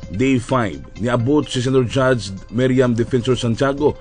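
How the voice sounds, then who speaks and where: A man's voice: medium pitch, normal speed, darkish tone, soft background music. Cebuano-accented man giving news commentary. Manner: wry, addresses listeners as friends. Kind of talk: broadcast commentary.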